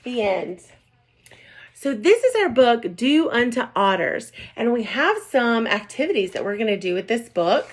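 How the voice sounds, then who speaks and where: Female teacher, bit high voice, gentle sing-song read-aloud for little kids. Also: lively intonation, unhurried. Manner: gentle, sing-song, often checks in with "right?" and "okay?". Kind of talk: reading a picture book aloud to young children.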